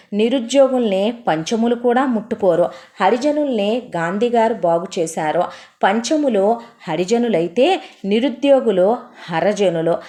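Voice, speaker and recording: A woman's voice: medium pitch, a little mellow. A woman narrating a story as a bitter, impassioned first-person monologue.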